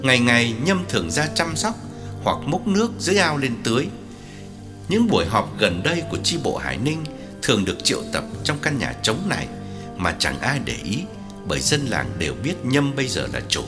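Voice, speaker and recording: A man narrating an audiobook story with a lively, wide-ranging delivery. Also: mid-range voice, brisk, big-room sound. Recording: soft music underneath.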